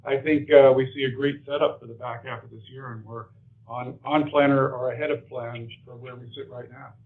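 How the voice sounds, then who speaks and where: A male airline executive presents company results and answers questions in a businesslike corporate earnings presentation. His medium-pitched voice is fairly even and fairly quick, heard through narrow, muffled conference-call phone audio.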